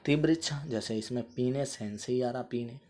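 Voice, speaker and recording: A man teaching vocabulary with memory tricks, playful and animated, acting out little scenes and answering for his students. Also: medium pitch, normal speed.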